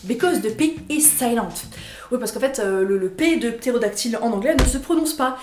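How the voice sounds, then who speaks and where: A woman's voice: fairly high pitch, lively intonation, a little fast. A woman telling a pun and hesitantly explaining it. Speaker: guest comedian. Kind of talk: deadpan joke explaining. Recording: roomy echo with music.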